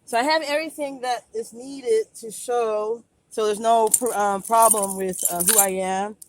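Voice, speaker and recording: This driver's voice is fairly high with a steady tone and normal speed, and there's slight background noise. She's in her car recording a police stop on her phone, nervous and rambling, stammering and deferentially saying things over again.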